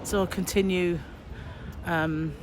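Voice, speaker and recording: A British woman narrates a travel vlog outdoors in a casual, rambling way. She is chatty and slightly hesitant, with clear city noise around her. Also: fairly low pitch, fairly even intonation, slow. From Britain. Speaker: travel vlogger. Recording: noisy outdoor city recording.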